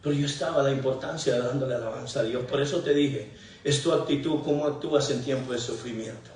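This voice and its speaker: A middle-aged man, preaching a halting, emotional testimony sermon from a church altar. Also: medium pitch, a little mellow, a little hiss or hum. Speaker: pastor. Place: church sanctuary. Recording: very echoey church from far off.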